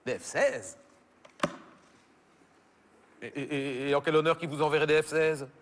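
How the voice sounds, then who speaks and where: A Belgian French comedian on stage, doing one side of a phone call, stammering and bemused. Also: male voice, fairly high pitch, fairly even intonation, a little slow, fairly bright tone, long reverb tail. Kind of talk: stand-up phone sketch. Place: theater stage with audience.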